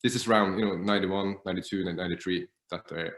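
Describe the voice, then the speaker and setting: A man's voice: deep voice, fairly even intonation, rapid-fire, fairly bright tone, reverberant. A man in his thirties from northern Norway, a native Norwegian speaker, talking casually as an interview guest with many hesitant fillers. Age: 30s. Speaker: guest guitarist.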